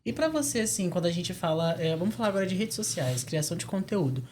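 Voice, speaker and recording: Brazilian podcast host, woman, quick talker, faint noise behind. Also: on the low side, lively intonation, darkish tone. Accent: Brazilian Portuguese. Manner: rambling, thinking aloud while asking. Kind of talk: interview questions.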